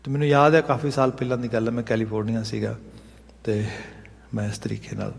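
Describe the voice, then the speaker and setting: A man's voice: mid-range voice, flat delivery, brisk, vocal fry, slightly rough. A man preaching to a congregation, explaining points step by step and dropping English phrases into his sermon. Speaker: Sikh preacher. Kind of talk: sermon lecture. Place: gurdwara hall. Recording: long hall reverb.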